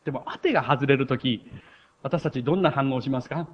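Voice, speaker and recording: A middle-aged man preaching a sermon as pastor, emphatic and rising to high exclamations. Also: fast talker, lo-fi sound.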